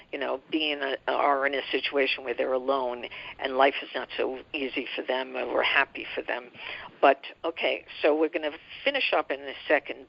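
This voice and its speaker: A woman's voice: rumbling low, vocal fry, muffled recording. A woman hosting an interview show, encouraging her guest and asking long questions. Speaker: host.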